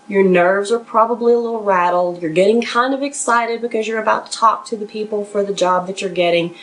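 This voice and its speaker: The audio is poor, and the woman's voice is fairly high pitched. Hosting a podcast as a resume writer and interview coach, she addresses listeners directly with plain, instructional advice that is encouraging but somewhat nervous.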